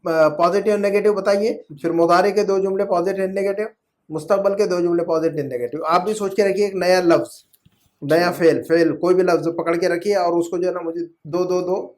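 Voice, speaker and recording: A man's voice: sits high, steady tone. A man teaching a class at home, patient and repetitive, drilling his students with questions. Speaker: Arabic grammar teacher. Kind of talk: online class explaining in Urdu.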